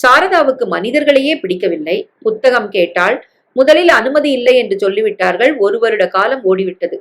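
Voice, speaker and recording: A woman narrating a family novel aloud in an even, unhurried way. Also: fairly high pitch. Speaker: story reader.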